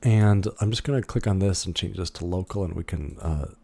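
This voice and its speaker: A man instructor giving a casual screen-recorded software tutorial, thinking aloud with many fillers and restarts. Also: sits low, a little fast, vocal fry.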